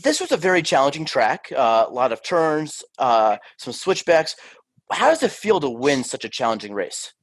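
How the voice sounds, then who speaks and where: A man hosting a racing stream, interviewing the winners with upbeat, quick questions. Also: fairly high pitch, very animated, no echo. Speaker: host interviewing race winners.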